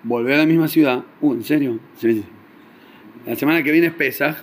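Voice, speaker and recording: A man with a Rioplatense Spanish accent teaching in a storytelling sermon, animated and acting out the characters. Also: medium pitch, fairly quick.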